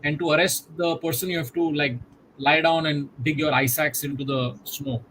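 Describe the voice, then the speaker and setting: A middle-aged man with a somewhat raised voice talks things through in a reflective, measured way over a video call. He often drops in "you know" as he goes, and a faint hiss runs underneath. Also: a little high, fairly even intonation, a bit bright, poor audio. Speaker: guest. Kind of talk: conversational interview.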